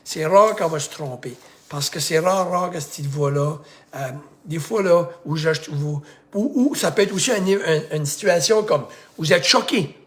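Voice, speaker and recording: A man's voice: fairly high pitch, normal speed, fairly bright tone. A middle-aged man with a Québécois accent, a life coach giving a casual, rambling motivational talk that repeats itself and acts out bits of dialogue. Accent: Québécois French.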